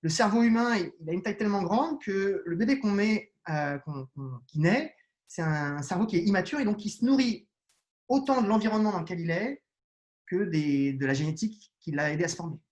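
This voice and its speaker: In an interview on neuroscience, a male guest who has children responds in a brisk, expressive, high voice. He takes a patient approach to explaining, though he often restarts and hesitates.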